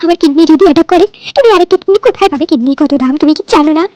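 A woman voicing a calm, fussy, henpecked middle-aged father in a storybook tale. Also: very high voice, very fast, dry recording. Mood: fussing. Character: soft-spoken middle-aged husband and father.

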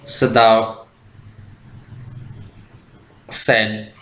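Reading a story aloud and then explaining it, this Indian English-accented teacher speaks slowly and deliberately, often using fillers. He has a fairly low, level, slightly bright voice in a reverberant space.

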